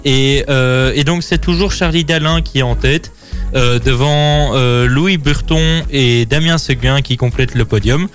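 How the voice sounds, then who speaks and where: A man co-hosting a radio show, explaining sports news in a relaxed, joking way. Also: mid-range voice, unhurried, soft background music. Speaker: radio co-host. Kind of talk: casual radio chat.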